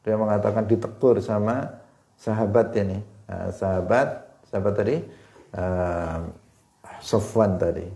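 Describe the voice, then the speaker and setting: A man with an East Javanese accent teaching a hadith lesson to students, explaining slowly with rhetorical questions and frequent fillers. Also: lowish voice, fairly even intonation, gravelly, warm tone. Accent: Indonesian, East Javanese. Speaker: religious teacher.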